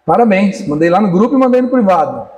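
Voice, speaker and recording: A man preaches a relaxed, joking sermon, breaking into small acted-out dialogues and calling on people in the pews by name. His voice sits fairly high for a man. The sound carries the echo of a church hall. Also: quick pace, recorded from a distance. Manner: jokey, acts out little dialogues, talks to the congregation by name. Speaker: pastor. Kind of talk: casual sermon.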